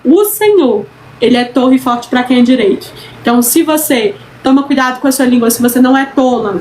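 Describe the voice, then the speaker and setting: A woman's voice: sits high, slight background noise, poor audio. A woman teaching a Bible study in an earnest, repetitive way, often checking in with "né?". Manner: earnest, repeats phrases, frequent "né?".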